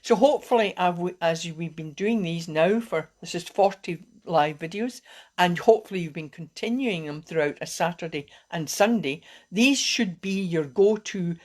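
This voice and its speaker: A woman wellbeing coach teaching calming techniques on a live video, talking in a gentle, encouraging way and often restarting her sentences. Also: lowish voice, moderate pace.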